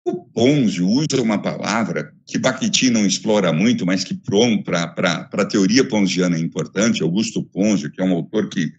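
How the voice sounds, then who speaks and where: A man with a Brazilian Portuguese accent giving an academic lecture over a video call by phone, emphatic and expressive, building ideas through repeated lists. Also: deep voice, breathy edge.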